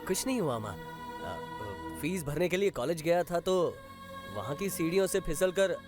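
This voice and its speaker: A man's voice: on the high side, animated, a little slow. A man dubbing a young son who brushes off his injuries in a playful way, in a Hindi film dub. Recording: film soundtrack with loud music.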